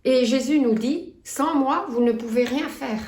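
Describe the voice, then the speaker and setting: A woman in her fifties with a Belgian French accent, preaching a sermon in an earnest, measured way and reading scripture aloud. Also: sits high, darkish tone, echoey room. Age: 50s. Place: church.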